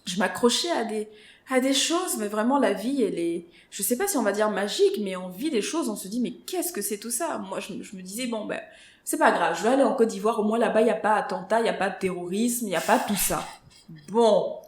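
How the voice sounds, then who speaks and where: A woman shares her story as a podcast guest, talking casually and animatedly and slipping into the voices of people she quotes. Her voice sits at a middle pitch for a woman. The room adds a noticeable echo around her. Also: brisk. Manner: lively storyteller who acts out quoted voices. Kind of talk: conversational interview storytelling. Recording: roomy echo.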